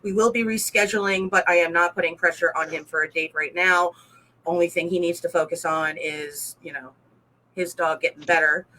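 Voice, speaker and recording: Bright-voiced woman co-host, casual and playful, quick to laugh. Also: lowish voice, steady tone, low-quality recording. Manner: chatty, playful, laughs often. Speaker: talk show co-host. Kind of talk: casual talk show chat.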